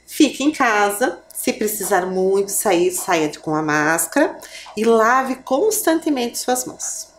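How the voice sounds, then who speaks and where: A woman teacher with a Brazilian Portuguese accent giving a televised lesson to children, animated and sing-song. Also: medium pitch, slow pace, a little hiss or hum. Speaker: primary school teacher. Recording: roomy echo.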